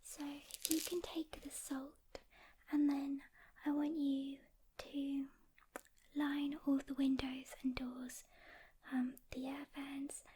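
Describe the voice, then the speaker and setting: A woman whispering a soft-spoken ASMR roleplay as a calm, caring demon hunter, gently reassuring a rookie with pauses, close to the mic. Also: high voice, a little hiss or hum.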